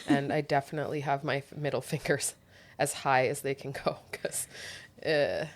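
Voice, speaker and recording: A woman in her forties with a hoarse smoker's rasp and a slight sniffle, chatting casually as a podcast guest. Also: very deep voice, fairly even intonation, normal speed. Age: 40s. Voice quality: raspy, gravelly smoker's rasp. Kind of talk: casual chat.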